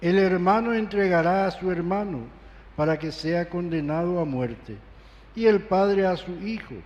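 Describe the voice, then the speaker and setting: A man's voice: sits high, unhurried, a little mellow, lo-fi sound. A man, a priest, solemnly reading scripture at Mass, his voice carrying a cathedral-like echo in a large church. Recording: long reverberant church echo.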